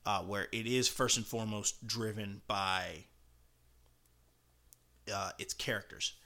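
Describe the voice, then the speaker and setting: A man hosting a podcast alone with casual commentary, talking in a halting way as he thinks aloud. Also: mid-range voice, bright, forceful tone. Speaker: podcast host.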